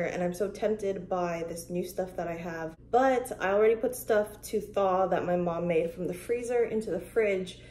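A woman in her twenties vlogs her day with upbeat chatter, thinking aloud as she moves from her car to a store to her home kitchen. Her voice is fairly low and a bit mellow, picked up by a phone camera held at arm's length with a little hiss or hum.

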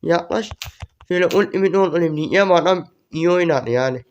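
A young man giving excited gameplay commentary, repeating words in quick bursts as the match unfolds. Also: on the high side, highs cut off, a little hiss or hum. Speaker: gaming YouTuber.

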